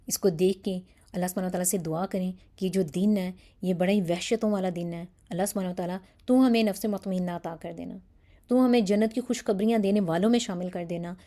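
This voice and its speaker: A woman's voice: fairly low pitch, dark tone. A woman teaching a Quran lesson in Urdu with a Pakistani accent, speaking earnestly and with feeling, mixing in English words. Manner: earnest, pleading, acts out examples.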